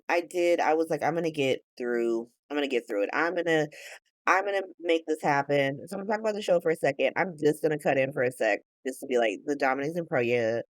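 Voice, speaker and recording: A woman in her late thirties hosting a podcast, chatting casually in a rambling, animated way that is full of swearing and laughs, and sounding tired. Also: low voice, no echo. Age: 30s. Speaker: podcast host. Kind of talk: casual chat recap.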